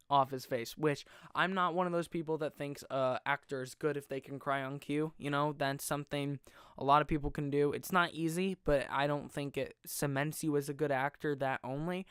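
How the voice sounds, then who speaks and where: A young man hosting a podcast, reviewing a film in a casual, rambling, excitable way and often correcting himself mid-sentence. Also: a little high, clean tone, no echo, studio quality. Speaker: podcast host.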